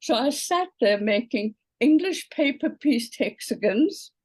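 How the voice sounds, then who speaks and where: A woman's voice: on the high side, expressive, a little slow, a little mellow, breathy edge. A woman in her seventies with a South African accent, talking as a guest on a video call. She tells stories in a chatty way and often stops to check in with an "okay?" The sound is dry and close, with no room echo. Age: 70s. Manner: chatty storyteller, frequent ums and okays. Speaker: quilting teacher, guest. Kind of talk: casual interview chat.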